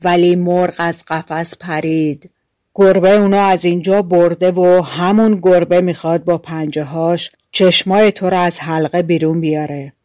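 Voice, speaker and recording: A woman voicing a cruel, spiteful old witch in a storybook, with harsh, shouting delivery. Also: lowish voice, steady tone, dry recording, close to an everyday voice. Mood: gloating.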